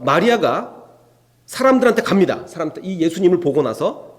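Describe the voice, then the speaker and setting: A male pastor preaching an expository sermon, asking the congregation rhetorical questions and acting out biblical dialogue. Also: a little high. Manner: acts out biblical dialogue in shifting voices. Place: church sanctuary. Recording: long reverb from a church hall.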